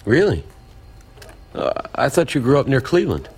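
A man's voice: mid-range voice, wildly swooping pitch, moderate pace, a little mellow, husky, full character voice. An actor playing a suspicious man in a radio drama who asks dry, pointed questions. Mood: probing. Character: suspicious, probing older man.

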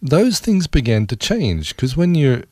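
In studio-quality audio with no room sound, the ministry CEO and ex-army serviceman from rural New South Wales keeps telling his story as an interview guest. This middle-aged Australian sounds higher-pitched, very animated, unhurried and dark in tone, earnestly stressing points by repeating phrases.

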